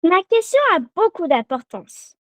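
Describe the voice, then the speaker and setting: A woman delivering a sermon in a high voice at an unhurried, deliberate pace. She speaks in a measured way and leads call-and-response repetition. The sound is dry and close. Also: big pitch swings, fairly bright tone, dry recording. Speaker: preacher giving a children's meditation.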